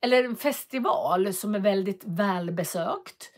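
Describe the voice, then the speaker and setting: A woman hosting a casual livestream from her home office, chatting and reading out viewer comments with frequent hesitations. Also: medium pitch. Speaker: livestream host.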